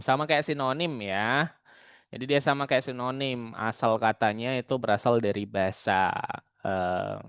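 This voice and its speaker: A young man teaching an exam-prep class in a relaxed, chatty way, often closing his points with small tag words. His voice is smooth and clear, and the sound is dry and close. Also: medium pitch, no room sound. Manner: chatty and explanatory, often tagging lines with "gitu" and "ya". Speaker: tutor. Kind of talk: casual online exam-prep lesson.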